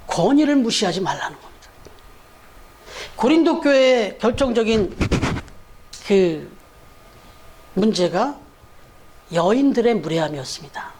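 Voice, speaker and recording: A man with a very high voice preaching a Sunday sermon in church. He speaks in a conversational way, telling stories and putting rhetorical questions to the listeners. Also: a little mellow, slight background noise. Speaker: pastor.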